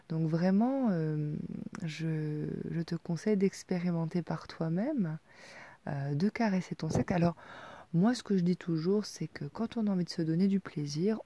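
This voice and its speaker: Soft-spoken gravelly woman in her forties. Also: on the low side, no room sound. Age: 40s. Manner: soft, hesitant, many fillers, often dropping to a near-whisper. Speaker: sex educator. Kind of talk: intimate advice talk.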